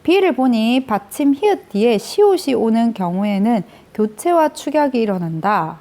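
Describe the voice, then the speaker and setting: A woman's high-leaning, dark-toned voice swings widely in pitch as she teaches grammar at a measured pace. She breaks the lesson into steps, asking questions and answering them herself.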